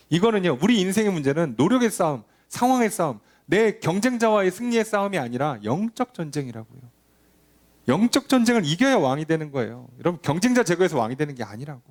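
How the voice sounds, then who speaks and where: A male pastor delivering a sermon, urging and questioning the congregation, now and then dropping to a low aside or acting out a quoted line. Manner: animated preaching, drops to a low murmur for emphasis, acts out quoted lines.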